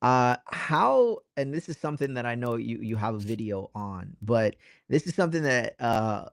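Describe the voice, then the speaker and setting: An American man, a guest in a casual interview, asking relaxed questions. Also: mid-range voice, moderate pace, gravelly, no room sound, studio quality. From United States. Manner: laughs easily, relaxed questioning.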